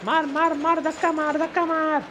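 A man's voice: very high voice, little pitch movement, moderate pace, bright, forceful tone, a little hiss or hum. A man giving casual let's-play commentary, teasing and scolding the character he controls. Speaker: gamer.

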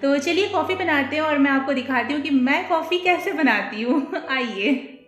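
A woman's voice: high-pitched, animated, moderate pace, fairly bright tone. Chatty woman vlogging in an echoey kitchen. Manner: chatty, friendly, with fillers and small laughs. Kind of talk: casual chatty vlog. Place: home, quiet flat in the kitchen. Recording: echoey room with faint music.

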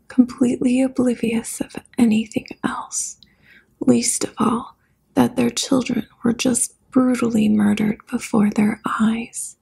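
A woman narrating a horror story soft-spoken and whispered, as whispered role-play. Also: fairly high pitch, vocal fry, slightly rough.

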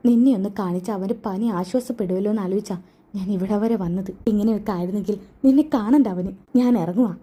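Woman doing poor old mom, hurt and scolding, husky low tone. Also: warm tone, natural voice. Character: poor older mother, hurt and reproachful.

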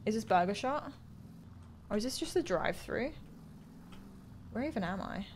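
A woman's voice: medium pitch, lively intonation, normal speed, a little hiss or hum. A young woman with an English accent, chatting and thinking aloud as she streams a video game from a close desk mic. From England. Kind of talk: casual live gameplay commentary. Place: small room at home. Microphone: close desk microphone.

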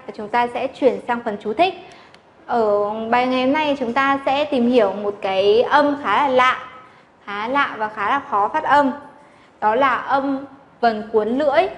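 A woman's voice: on the high side, reverberant, in a large hall, poor audio. A woman teaching a Chinese language class in Vietnamese. She drills syllables one at a time and repeats each one. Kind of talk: classroom pronunciation lesson.

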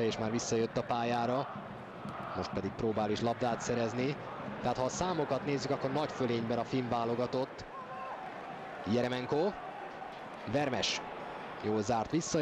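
A man's voice: mid-range voice, steady tone, pauses often. A man giving Hungarian sports commentary, following a football match. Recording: broadcast over loud crowd and noise. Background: loud stadium crowd.

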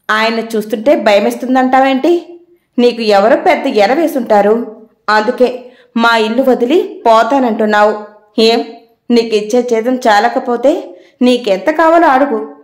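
A woman voicing a caring but quick-tempered housewife who scolds and questions sharply. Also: fairly high pitch, roomy sound, lightly acted. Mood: scolding.

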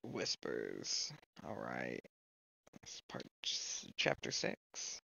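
A man's voice: rumbling low, huge pitch swings, takes it slowly, creaky, bright, forceful tone, no room sound. A man playing a horror game, talking to himself and reading notes aloud with jumpy reactions, on a close mic. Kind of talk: let's play commentary. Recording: dry, slightly muffled lo-fi mic.

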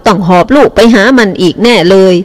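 A woman voicing an angry, grieving old father who scolds slowly and heavily in a storybook reading. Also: mid-range voice, a little mellow, lightly acted. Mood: bitter scolding.

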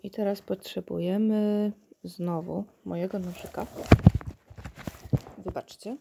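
A woman's voice: mid-range voice, steady tone, slow pace, gravelly, noisy background. A woman unboxing toys at home in casual chat, recorded on a tablet, often laughing and talking to her puppy. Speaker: unboxing vlogger.

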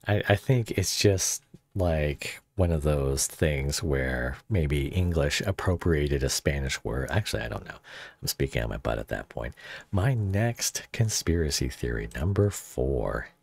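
A man talks through a voice changer that drags his voice extremely low and gives it a gravelly, husky grain. He rambles and jokes as he streams, often breaking off mid-thought. The sound is close and dry. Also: expressive, a little slow, dry recording. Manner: rambling, joking, self-interrupting. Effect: voice changer pitching the voice very deep. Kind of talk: casual livestream chat.

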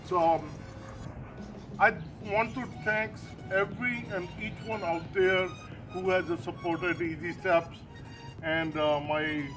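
Very high-voiced man coaxing his dogs. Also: fairly even intonation, takes it slowly, music in the background, rough recording. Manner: coaxing, affectionate calls to the dogs, simple repeated phrases; grateful, plain thank-you talk to viewers. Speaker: channel host and dog owner. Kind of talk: casual home vlog talking to dogs and viewers. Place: at home, indoors.

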